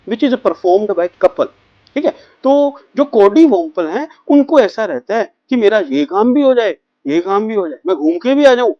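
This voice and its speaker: Man teaching vocabulary, lively. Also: high-pitched, creaky, dry recording, muffled recording. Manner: explains slowly, drawing out English words for the learner to repeat. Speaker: English teacher. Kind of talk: spoken vocabulary lesson.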